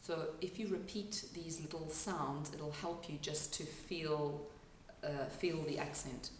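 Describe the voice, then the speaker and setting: A woman who works as an accent coach gives a spoken lesson, explaining sounds step by step and pausing to demonstrate them. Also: low voice, fairly even intonation, a little hiss or hum. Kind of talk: instructional talk to camera. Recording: echoey room, mic at a distance.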